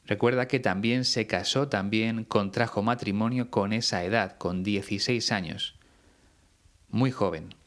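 A man from Spain teaching Spanish, explaining words slowly and carefully and spelling them out letter by letter. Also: on the low side, a bit bright. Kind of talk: slow explanatory lesson.

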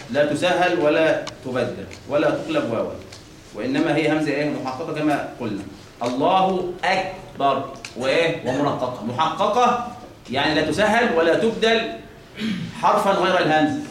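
A man's voice: on the high side, a bit bright. A man with an Egyptian accent teaching recitation rules, asking his class questions and answering them himself while he demonstrates sounds. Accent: Egyptian Arabic. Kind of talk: religious lesson on pronunciation. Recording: very echoey room, distant mic, faint noise.

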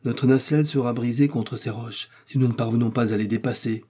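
A man's voice: medium pitch, fairly even intonation, fairly quick, mellow, husky, natural voice. A man reading an audiobook, voicing a resolute male explorer and scientist with a commanding, urgent manner.

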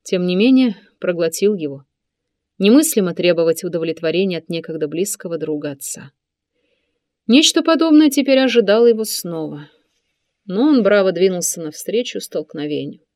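Woman reading a story out loud, dry close mic, gets louder and higher on the quoted bits. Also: lively intonation, moderate pace, no echo. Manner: lifts pitch and volume for quoted speech, drops low for narration tags. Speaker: audiobook narrator. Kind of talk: scripted narration with voiced dialogue.

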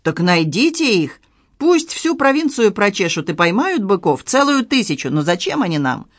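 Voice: medium pitch, big pitch swings, moderate pace, a bit bright, dry recording. Reader doing a pompous male governor, grand drawl, mock-jovial, dry close sound, audiobook. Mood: grandly amused. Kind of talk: audiobook character voice.

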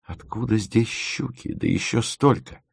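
A man's voice: mid-range voice, measured pace, vocal fry, breathy edge, no room sound, studio quality, pitched above the performer's own voice, heavily acted. A man voicing an earnest, eager young male student intern.

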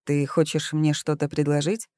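A woman's voice: sits low, little pitch movement, moderate pace, warm tone, no echo, lightly acted. A woman voicing an arrogant young man who is a mocking boss, talking in a smug, teasing way. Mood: stern.

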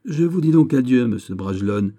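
A man's voice: medium pitch, expressive, brisk, mellow, voice pushed up, natural voice. A man reading aloud, voicing a stern middle-aged king with a commanding, raised voice.

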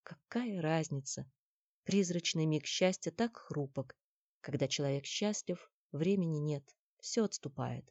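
A woman narrating a historical romance audiobook in a calm, measured storytelling manner. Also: sits low, no room sound, highs cut off. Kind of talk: scripted narration.

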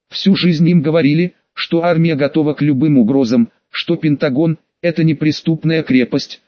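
A man reading an audiobook in a steady, dramatic narration style. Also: on the high side, no room sound. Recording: dull, muffled studio voice recording.

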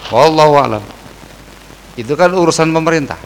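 A man, a religious teacher answering questions in a casual study session, lively and acting out the people he quotes. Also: fairly high pitch, brisk, big-room sound, slight background noise, rough recording. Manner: lively, mixes Javanese phrases, acts out quoted people.

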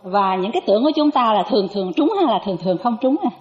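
A woman, a Buddhist nun, giving a dharma talk to an audience. She tells a personal story with lively, animated delivery and acts out the dialogue. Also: medium pitch, very fast. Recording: echoey, dull lo-fi recording.

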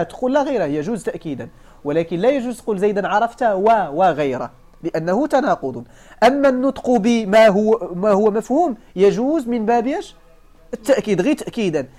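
A Moroccan sheikh with a Moroccan Arabic accent explains a classical grammar and rhetoric text step by step. He repeats examples slowly and asks his students questions back, in a voice that sits high and is a little mellow.

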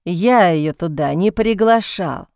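A woman's voice: lowish voice, lively intonation, takes it slowly, a little mellow, no echo, clean studio sound. A woman voicing a proud, earnest younger brother who speaks in curt, clipped phrases, in a storybook reading. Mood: quiet, tense.

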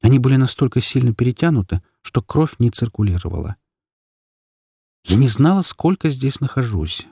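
A man narrating a novel in the first person in a steady, measured reading voice. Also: mid-range voice, creaky, breathy edge, dry recording, clean studio sound. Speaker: audiobook reader.

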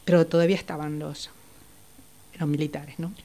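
An older Italian woman, a psychologist, speaks as an interview guest sharing personal recollections. Her fairly low voice has a level, dark tone. She thinks aloud and reflects in measured words, pausing often with small hesitations and frequent fillers.

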